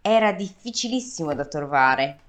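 A woman's voice: sits low, animated, moderate pace. A woman co-hosting a casual podcast, reading passages aloud from a book with ironic asides. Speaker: podcast co-host.

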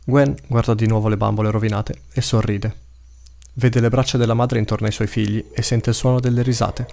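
A man narrating a fantasy story in a measured, dramatic reading. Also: on the low side, little pitch movement, creaky, a little mellow.

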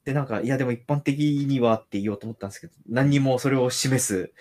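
Husky man musing aloud. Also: medium pitch, quick pace, a little mellow. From Nagoya, Japan. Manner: musing, thinks aloud with hesitant restarts. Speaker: podcast guest. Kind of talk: casual chat.

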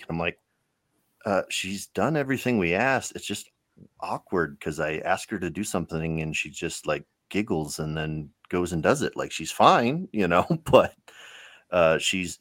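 Very deep-voiced man telling stories. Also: fairly bright tone, dry recording. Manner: candid storyteller, swears freely. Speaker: correctional officer, sergeant. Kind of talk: casual podcast chat.

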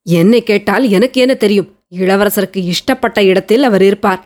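A woman voicing a proud, scheming nobleman who scoffs at accusations, in a lower voice than her narration. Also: a little fast, darkish tone, close to an everyday voice. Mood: defiant. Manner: defiant, scornful. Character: proud scheming middle-aged nobleman, a father.

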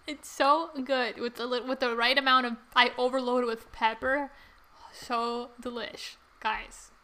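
A woman's voice: high voice, steady tone, normal speed, sharp tone. A young woman co-hosting a podcast, chatting casually with a friend, giggly and full of fillers. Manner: bubbly, giggly, lots of fillers. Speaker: podcast co-host. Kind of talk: casual chat.

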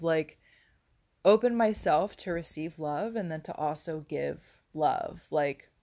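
Slow, low-voiced reflective young woman. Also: a little mellow. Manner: meandering, reflective, many fillers. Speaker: astrology vlogger. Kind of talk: casual spiritual monologue.

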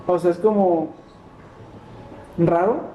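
A man's voice: high-pitched, fairly even intonation, slow, dark tone, a little hiss or hum, rough recording. A man with a Mexican accent hosting a casual podcast chat, rambling and full of slang and fillers. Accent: Mexican Spanish. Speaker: podcast host.

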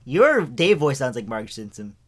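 A man's voice: mid-range voice, sing-song, moderate pace, a crowd in the background. A young man co-hosting a casual chat, teasing and laid-back. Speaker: podcast co-host.

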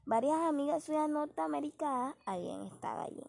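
A woman narrating a story aloud at a steady pace, with some stumbles and restarts. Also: sits high, brisk, gravelly.

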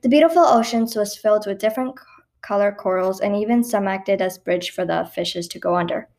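A woman with a medium-pitched voice reads her own personal story aloud, lively and expressive, with a few small stumbles.

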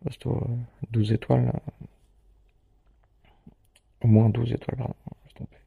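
A man's voice: mid-range voice, level tone, normal speed, creaky, husky, phone-quality sound. A man recording a casual audio diary from a hospital, rambling, swearing often and laughing as he talks. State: hospital patient. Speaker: podcast host.

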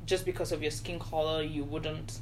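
Her voice sits low with a level tone and a moderate pace, over slight background noise. She's a young woman from Nigeria co-hosting a laid-back podcast, earnestly and reflectively recounting her own story.

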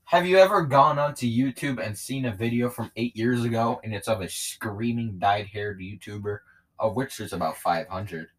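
Lower-voiced man rambling about games. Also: moderate pace, fairly bright tone. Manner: rambling, jokey gamer banter. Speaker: podcast co-host. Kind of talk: casual chat.

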